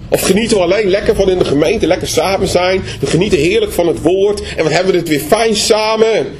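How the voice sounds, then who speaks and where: A man's voice: high voice, quick pace. A man preaching a sermon in a conversational way, often asking the listeners questions. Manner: conversational, asks rhetorical questions.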